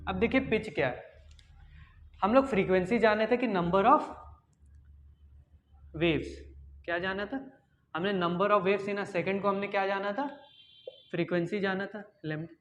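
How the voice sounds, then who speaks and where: High-voiced man teaching in an echoey room. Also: a little slow, pauses often. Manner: repeats questions and answers them himself; switches between quiet and loud to demonstrate. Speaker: science teacher. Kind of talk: online science lesson.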